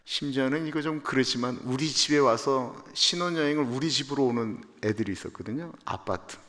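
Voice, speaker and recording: A Korean-born man in his fifties, a pastor giving a personal testimony sermon at a dawn service, moving from quiet confession to loud emphatic proclamation. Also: medium pitch, fairly quick. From South Korea. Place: church sanctuary. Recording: long church-hall reverb.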